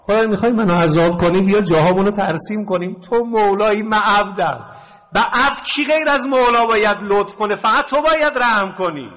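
A man preaching an emotional religious sermon, slipping into slow, tearful chanted prayers. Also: sits high, fairly bright tone, poor audio. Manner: chants prayer lines slowly with tearful swells.

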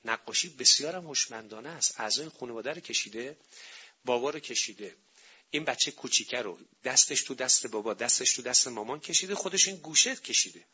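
A man giving an animated public talk on parenting and family, telling stories and acting out what people say. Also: mid-range voice, slightly rough. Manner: animated storytelling, acting out quotes. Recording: dull lo-fi recording.

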